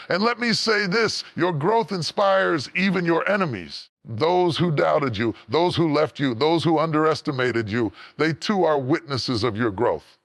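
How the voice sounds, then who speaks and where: A man speaks as a motivational speaker in a somewhat high-pitched voice, recorded dry and close. His delivery is a scripted, earnest address with emphatic, preacher-like repetition that builds phrase by phrase. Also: creaky, a bit bright, no echo.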